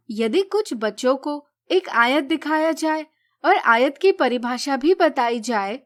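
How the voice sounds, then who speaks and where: A woman teacher giving a measured, scripted lesson narration. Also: high-pitched. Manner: measured, explanatory.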